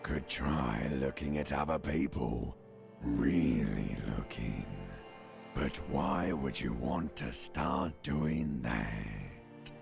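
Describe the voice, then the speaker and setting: Gravelly ancient reptilian brain. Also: male voice, music in the background, full character voice. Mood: taunting. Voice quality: deep and gravelly. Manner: slow, taunting drawl.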